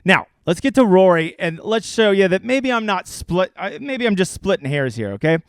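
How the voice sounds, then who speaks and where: A man's voice: sits high, very animated, normal speed, clean tone, no room sound. A man casually breaking down fantasy golf picks on a livestream, crude and joking. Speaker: fantasy sports analyst.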